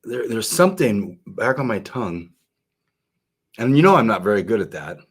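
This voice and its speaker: Low-voiced man chatting about wine. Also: sing-song, breathy edge. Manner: chatty, halting with many fillers. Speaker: podcast co-host. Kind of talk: casual wine-tasting chat.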